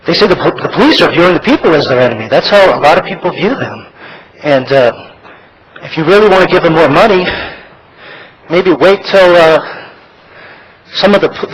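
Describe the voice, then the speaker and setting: A man's voice: fairly high pitch, a bit bright, rough recording. An American man giving impromptu public comment at a meeting, stumbling, repeating himself and breaking off words. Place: public meeting room, speaking to a board.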